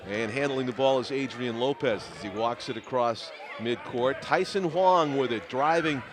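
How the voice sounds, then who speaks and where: A man's voice: mid-range voice, normal speed, a crowd in the background. Man calling youth basketball play-by-play. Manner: steady play-by-play calling names. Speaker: play-by-play commentator. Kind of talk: local sports commentary. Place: school gymnasium. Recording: noisy gym ambience.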